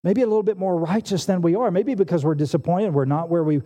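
A man in his forties preaching with animated emphasis, his pitch sitting a little high and his tone dark and mellow. He often restarts phrases as he drives his points home. His voice carries a long reverb, as in a church sanctuary. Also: quick pace. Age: 40s. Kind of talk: sermon.

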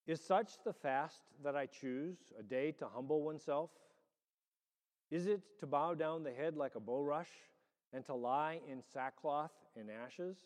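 A man preaching and reading as a pastor, with a measured, deliberate delivery in short phrases. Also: on the high side, darkish tone. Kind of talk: sermon with prayer and scripture reading. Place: large reverberant church. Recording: long hall reverb.

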